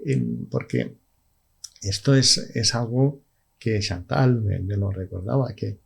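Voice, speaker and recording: A middle-aged man, a podcast guest speaking slowly and haltingly with many restarts. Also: mid-range voice, gravelly, slightly rough. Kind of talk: casual conversation.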